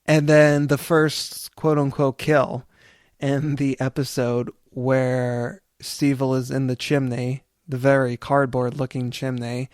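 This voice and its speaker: Smooth-voiced man musing on a podcast. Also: mid-range voice, flat delivery, takes it slowly, a little mellow, no echo, clean studio sound. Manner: reflective, meandering storytelling. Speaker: podcast co-host. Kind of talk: casual podcast chat.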